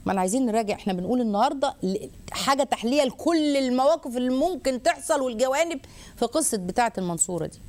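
A woman with an Egyptian Arabic accent hosting a religious advice talk, lively and rhetorical, listing points and mimicking people. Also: high-pitched, racing. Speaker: host.

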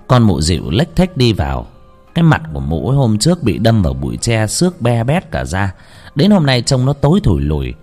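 A man narrating a ghost story with an expressive, drawn-out storyteller delivery. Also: on the low side.

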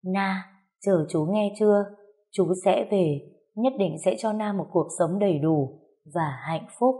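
A woman reading aloud and voicing a man, an uncle who pleads softly with the girl he loves. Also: mid-range voice, measured pace, lightly acted. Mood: tender.

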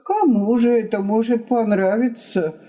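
A woman's voice: on the high side, fairly even intonation, measured pace, warm tone, lo-fi sound, voice pushed up. A woman reading aloud, voicing a male houseguest who answers with mock sympathy and irony. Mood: ironic. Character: ironic gossipy male houseguest.

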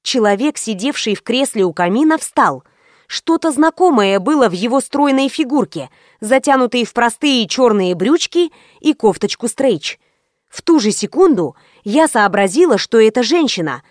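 A woman narrating a first-person story as an audiobook, brisk and lively. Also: a little high, dry recording, clean studio sound.

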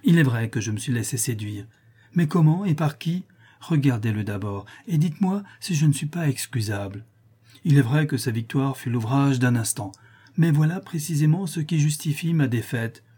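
A man voicing a passionate, impulsive young countess, pleading and effusive, his voice lifted higher. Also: animated, normal speed, dark tone, breathy edge.

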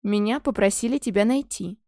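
A woman's voice: mid-range voice, a little fast, warm tone, no echo, studio quality, lightly acted. A woman voicing a scheming young noblewoman in a storybook, pushy and insinuating. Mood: coaxing.

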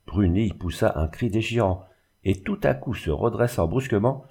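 A man reading a classic novel aloud as an audiobook narrator, in a measured storytelling manner. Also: lowish voice, lively intonation, vocal fry, dark tone, husky.

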